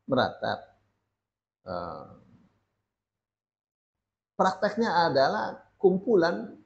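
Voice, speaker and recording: A man's voice: mid-range voice, gravelly. A man teaching a religious lesson in speech, often tagging sentences with "ya" and reading Arabic passages before explaining them. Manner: frequent "ya" tags, reads Arabic text then explains. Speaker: Islamic teacher. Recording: dull lo-fi recording.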